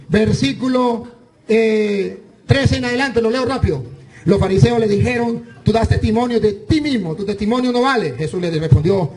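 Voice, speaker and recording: High-voiced priest arguing scripture. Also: male voice, a little mellow. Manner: insistent, argumentative, reads scripture aloud. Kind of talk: heated religious debate.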